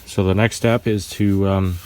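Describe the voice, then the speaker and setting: A man chatting casually in a vlog, halting and repeating words, laughing often. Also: lowish voice, steady tone, vocal fry, mellow. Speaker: vlogger. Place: outdoors by cars, then inside a car.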